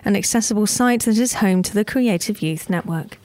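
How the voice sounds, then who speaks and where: A woman's voice: mid-range voice, a little fast, darkish tone. Woman co-presenter reading radio copy. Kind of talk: scripted radio announcing.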